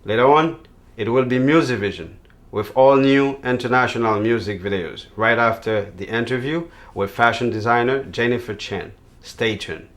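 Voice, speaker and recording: In formal, wordy phrasing, a man presents and questions guests on a television interview program and reads promo announcements. His voice sits at medium pitch and normal speed, with a little hiss or hum.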